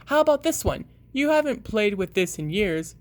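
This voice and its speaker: A woman's voice: mid-range voice, very animated, moderate pace, close to an everyday voice. A woman voicing an exasperated mother who scolds her son about his toys. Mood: firm. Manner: stern, scolding, raised voice.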